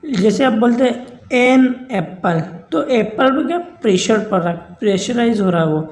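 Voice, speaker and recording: A man's voice: very high voice, animated, normal speed, low-quality recording. A man teaching a grammar lesson, who poses questions and answers them himself and keeps checking in with his listeners.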